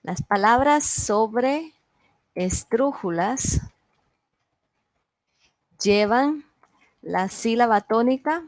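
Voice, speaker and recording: A woman teaching a beginners' class online, sounding out each word slowly and clearly for her students. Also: a little high, lively intonation, dry recording. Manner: slow, carefully enunciated word drills. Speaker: Spanish teacher.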